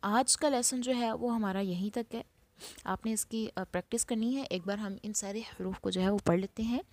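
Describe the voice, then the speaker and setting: A woman teacher giving a recorded lesson on Quranic recitation, explaining where each letter comes from and saying the letters slowly and loudly as examples. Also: medium pitch, dry recording.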